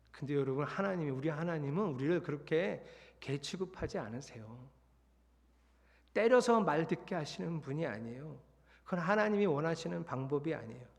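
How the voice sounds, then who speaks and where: Brief: middle-aged male pastor, slightly high voice, animated storytelling sermon, long church reverb. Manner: animated storytelling, acting out his own shouts. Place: church sanctuary.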